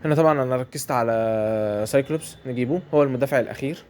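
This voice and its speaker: A man's voice: medium pitch, rapid-fire, a little mellow, clear, resonant tone. A man with an Egyptian Arabic accent giving chatty commentary over a mobile game match, often repeating his phrases. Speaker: gameplay commentator.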